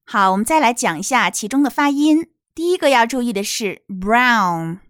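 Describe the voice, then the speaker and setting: A woman teaching English pronunciation from a picture book, explaining slowly and demonstrating words. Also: a little high, lively intonation, fairly bright tone, no echo, clean studio sound.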